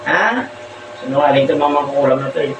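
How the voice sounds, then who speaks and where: Playing a folk healer, a man questions someone during a healing ritual, repeating short demanding questions again and again. His medium-pitched voice shows little pitch movement and runs a little fast. The recording is echoey and distant, with loud ambient noise and cut-off highs.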